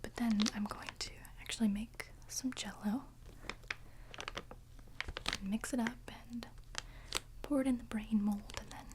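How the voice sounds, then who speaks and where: A woman hosting an ASMR video, chatting to viewers in a soft, breathy whisper with hesitant pauses between short phrases. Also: fairly high pitch, fairly even intonation, background noise.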